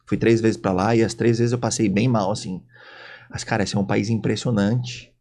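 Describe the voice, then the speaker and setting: A Brazilian man with a Brazilian Portuguese accent, a podcast guest telling lively anecdotes and acting out the dialogue. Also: lowish voice, moderate pace. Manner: animated storyteller, acts out dialogue in voices. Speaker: guest, logistics sales executive. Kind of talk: casual podcast interview storytelling.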